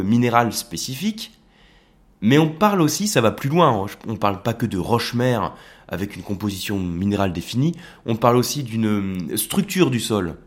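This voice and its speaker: A man hosting an educational wine podcast, explaining at length in a casual, hesitant way with many fillers. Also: medium pitch.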